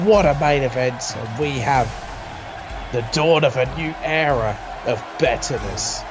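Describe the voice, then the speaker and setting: A man's voice: medium pitch, a little slow, over music. A man giving wrestling colour commentary in a reactive, conversational way. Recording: loud crowd and background noise. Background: crowd noise.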